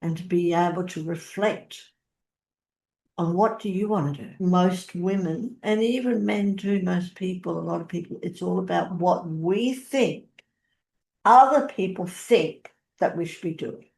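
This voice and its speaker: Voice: mid-range voice, a little slow, vocal fry, darkish tone. A podcast host asking personal questions and affirming the guest's answers. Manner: encouraging, affirming follow-ups. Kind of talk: interview hosting.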